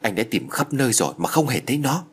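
Narrator doing an earnest, deferential young man, husky. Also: mid-range voice, big pitch swings, fast talker. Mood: eager.

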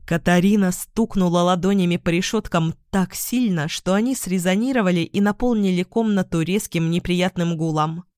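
A woman narrating a fantasy audiobook. Her reading is even and clear, recorded close with a dry sound. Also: fairly low pitch, moderate pace, few pauses, no room sound.

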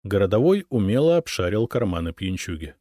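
A man's voice: fairly low pitch, big pitch swings, brisk, mellow, no echo, studio quality. A man reading a first-person story as an audiobook narrator.

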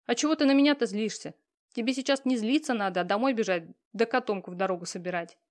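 A woman's voice: a little high, quick pace, lightly acted. A woman reading an audiobook, voicing a cheeky young female friend who is breezy and matter-of-fact.

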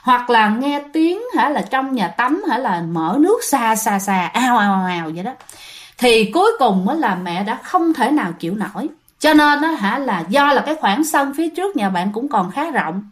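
Southern vietnamese woman telling a ghost story, high voice, very animated, keeps talking to her listeners. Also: moderate pace. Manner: animated, often addresses listeners directly.

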